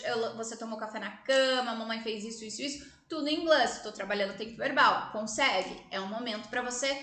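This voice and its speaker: A Brazilian woman with a high, bright voice teaches parents in a chatty, conversational way, often pausing to check that they follow. Her voice rings out in an echoey room. It sounds like an online lesson recording. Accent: Brazilian Portuguese. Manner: chatty, keeps checking in with listeners.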